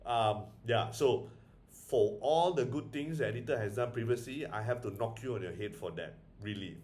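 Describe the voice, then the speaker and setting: A man's voice: medium pitch, normal speed, darkish tone. A man giving a casual spoken movie review, rambling with many restarts, exasperated and laughing often.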